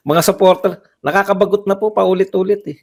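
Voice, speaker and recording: A man's voice: high voice, steady tone, moderate pace. A man giving heated livestream political commentary, firing off rhetorical questions and repeating phrases for emphasis.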